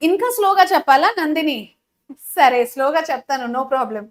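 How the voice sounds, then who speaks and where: Teaching biology live online, this Telugu-accented woman has a high-sitting, animated voice at a normal speed. Her speech blends English and Telugu, peppered with repeated "okay"s and lots of "uh" fillers.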